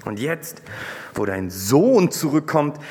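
A preacher acting out a bitter, indignant elder brother. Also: male voice, a little high, big pitch swings, slow, a little mellow, husky, big-room sound, voice pushed up, full character voice. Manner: indignant, raised and strained. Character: bitter resentful elder brother, young man.

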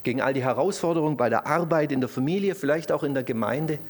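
A man's voice: a little high, fast. A man preaching a sermon in a church, speaking conversationally with frequent tag questions and rising emphasis on key phrases.

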